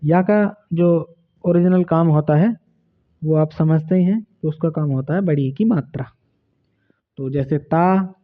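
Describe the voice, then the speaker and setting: Slow deliberate male Urdu teacher. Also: a little high. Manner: slow, deliberate word-by-word reading aloud. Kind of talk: reading lesson with slow drills. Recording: narrow phone-like sound.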